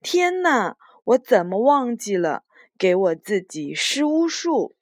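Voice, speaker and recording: Woman playing a vain quarrelsome witch, wailing and shrill, quick outbursts, dry close voice, storybook. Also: big pitch swings, dry recording, heavily acted. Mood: fretful. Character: vain, quarrelsome female witch who wails.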